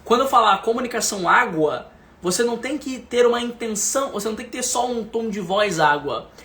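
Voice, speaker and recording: A man giving a motivational lesson, emphatic and repetitive, often dropping to a soft, calm voice. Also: high-pitched, fairly quick. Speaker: leadership and speaking coach.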